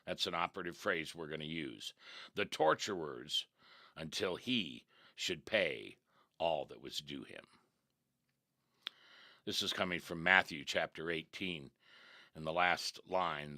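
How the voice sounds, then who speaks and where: Brief: male pastor, lowish but very bright voice, reads scripture then riffs on it; dry, close recording. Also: no room sound. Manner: reads scripture then comments, animated asides. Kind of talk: devotional teaching.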